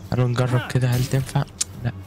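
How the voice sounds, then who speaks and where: A man's voice: medium pitch, monotone, racing, music in the background. A man with an Egyptian Arabic accent giving chatty gameplay commentary, calling out to viewers with frequent exclamations. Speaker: gaming YouTuber.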